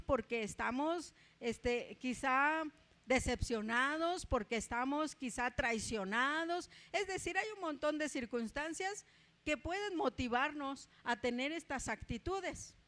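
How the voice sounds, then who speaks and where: A Mexican woman with a Mexican accent preaching a conversational sermon, often tagging her points with a quick aside and telling personal stories with humor. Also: sits high, fairly bright tone. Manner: chatty, tags asides with ¿verdad?, tells personal stories with humor.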